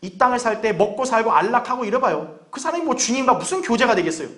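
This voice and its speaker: High-voiced Korean pastor preaching earnestly. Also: male voice, lively intonation, fast talker, a bit bright. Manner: earnest, conversational preaching with rhetorical questions. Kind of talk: sermon.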